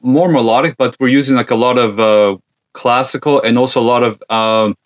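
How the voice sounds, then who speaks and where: Man, relaxed interview guest. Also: medium pitch, brisk. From Serbia. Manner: easygoing, many fillers and hesitations. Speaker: guest, gear company founder. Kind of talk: casual interview chat. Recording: dull lo-fi sound.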